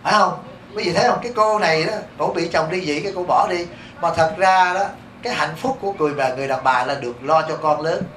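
A man with a Southern Vietnamese accent, a Buddhist monk giving a lively dharma talk and asking his congregation rhetorical questions. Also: fairly high pitch, quick pace. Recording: echoey room, distant mic, faint hiss.

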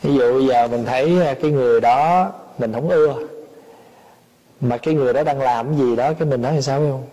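A man's voice: mid-range voice, fairly quick, dark tone, dull audio. A man giving a Buddhist dharma talk, patiently explaining a sutra with everyday examples and questions. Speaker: Buddhist teacher. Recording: long hall reverb.

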